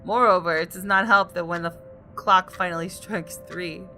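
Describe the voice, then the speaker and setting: Reading game narration with dramatic flair, a woman YouTuber plays through a video game, breaking in with jumpy exclamations between lines. Her voice is lowish and her speed normal, with the game's background music running under her voice.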